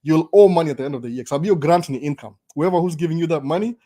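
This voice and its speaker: A man's voice: a little high, racing, warm tone. A young adult man with a Kenyan accent hosting a casual live stream, switching between Swahili and English and stammering through restarts. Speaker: host.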